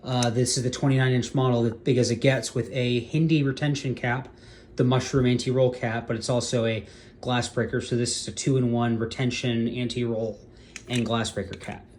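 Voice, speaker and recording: A man's voice: medium pitch, level tone, normal speed, darkish tone, slight background noise. A man in security work walking through his duty belt gear casually, rambling and correcting his own slips as he goes.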